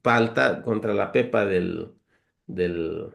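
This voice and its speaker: A man's voice: low voice, slow pace, vocal fry, a bit bright. Earnest man teaching Bible verses. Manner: earnest, explanatory, reads verses aloud and lists virtues; homely, humorous comparisons, addresses listeners as brothers.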